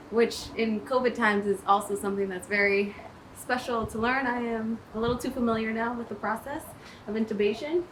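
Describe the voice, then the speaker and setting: A young emergency nurse from Maryland records a casual video application, talking to a camera held at arm's length in a plain room with a panelled wall. Her voice sits on the high side with a fairly bright tone, and she's upbeat, chatty, and laughs often. The audio is poor, with a little hiss or hum.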